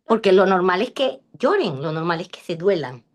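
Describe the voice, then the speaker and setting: A woman giving a lively, chatty online class over a video call and joking with her students. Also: fairly low pitch, moderate pace. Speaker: class instructor. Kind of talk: online lecture.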